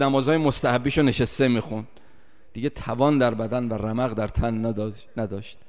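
A man's voice: mid-range voice, darkish tone. Man, from Tabriz, mourning eulogist, impassioned chanting lament, long hall reverb. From Tabriz, Iran. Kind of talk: mourning sermon with elegy.

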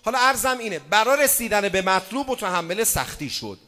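A man with a Tehrani accent preaching a sermon, swinging from hushed asides to loud chanted verses. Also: high voice, animated, long reverb tail. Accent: Tehrani Persian. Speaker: cleric preacher. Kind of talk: sermon with storytelling.

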